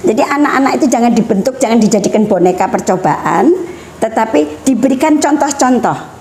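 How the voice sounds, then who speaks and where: A middle-aged woman talks through family matters in a measured, explanatory way. Her voice sits a little high. A faint hum of room noise lies under her speech. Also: animated, darkish tone. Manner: measured, explanatory, mixing in Javanese phrases. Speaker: guest speaker on family education. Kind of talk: educational talk.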